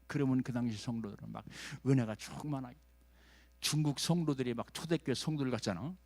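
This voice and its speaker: A man, a pastor preaching a sermon in a folksy manner, checking in with the congregation and swinging from loud urging to hushed lines. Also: mid-range voice, a little fast.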